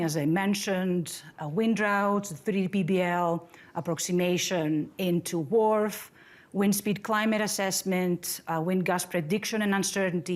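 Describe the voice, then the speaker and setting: A middle-aged woman from Greece giving an academic seminar talk in a conversational, friendly way, with fillers and restarts, at a podium in a lecture room. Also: on the low side. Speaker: seminar speaker, professor.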